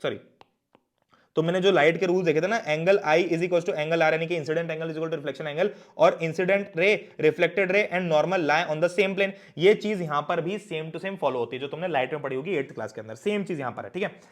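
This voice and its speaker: A man's voice: a little high, brisk. A young man teaching an online class, chatty and often asking his students questions.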